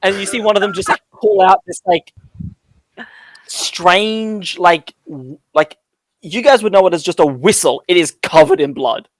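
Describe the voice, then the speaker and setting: A man's voice: high voice, measured pace, no room sound. A man narrating as dungeon master, rambling with many fillers, on a call mic. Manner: rambling, lots of "like" and "um". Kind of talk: narrating a tabletop game.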